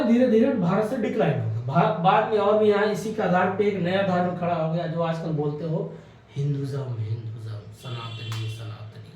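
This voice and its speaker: A man lectures an exam-prep class in a fairly high voice, chatty and repetitive, tossing out rhetorical questions. He sounds a step away from the mic, and his voice booms around a bare, echoing room. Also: a little mellow, far from the mic, slight background noise. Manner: conversational, repeats key words, asks rhetorical questions. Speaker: exam coaching teacher.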